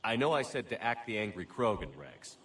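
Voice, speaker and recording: An actor playing a tough, hard-edged military commander in a video game, terse and direct. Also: male voice, on the low side, big pitch swings, a little fast, fairly bright tone. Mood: stern.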